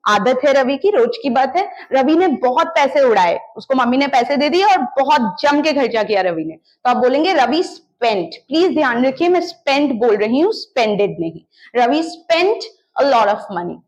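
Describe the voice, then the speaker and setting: Woman, English teacher, high-pitched, coaxing, slow repeated drills, spoken grammar lesson. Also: lively intonation, darkish tone, poor audio. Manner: drills word forms in slow repeated chants; coaxing, checks in with "clear?".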